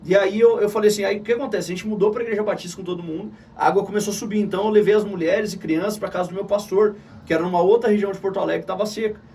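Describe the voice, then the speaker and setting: A middle-aged man with a southern Brazilian Gaúcho accent, telling an emotional personal story as an interview guest in an animated way. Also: high-pitched, rapid-fire, recorded from a distance, slight background noise. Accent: Gaúcho Brazilian Portuguese. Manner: animated, calls the listener "cara" often.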